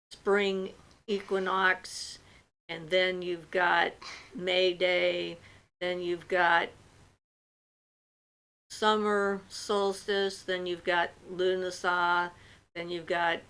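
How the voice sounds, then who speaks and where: Gravelly, bright-voiced woman host. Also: fairly low pitch, poor audio. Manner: reads viewer comments aloud, then answers at length with fillers. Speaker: host of a livestream answering magic questions. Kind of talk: casual livestream chat.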